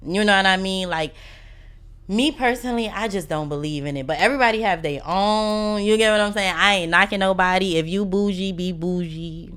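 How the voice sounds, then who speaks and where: A woman's voice: mid-range voice, fairly quick, a bit bright, smooth. A woman talking casually and emphatically in a conversational interview, using colloquial phrasing. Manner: emphatic, colloquial, repeats "you get what I'm saying".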